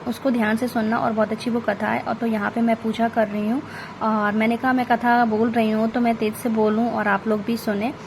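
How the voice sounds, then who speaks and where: A woman vlogger opens her video in a loose, chatty way, explaining things as she goes. Her voice sits a little high and stays fairly level throughout. A faint hum of room sound hangs behind her. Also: little pitch movement, a little fast. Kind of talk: casual vlog intro. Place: at home during a puja.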